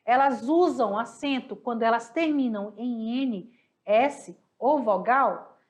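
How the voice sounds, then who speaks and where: A Brazilian woman teaching a class, a little hoarse, patiently asking questions and answering them herself. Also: fairly high pitch, slow. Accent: Brazilian Portuguese. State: slightly hoarse, coughing. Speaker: Spanish teacher. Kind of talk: online class explaining exercises.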